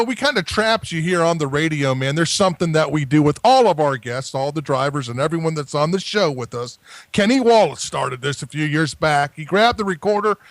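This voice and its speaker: A man's voice: a little high, dry recording. A man hosting a motorsport radio show, enthusiastic and folksy, often repeating his first words. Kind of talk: casual motorsport radio talk.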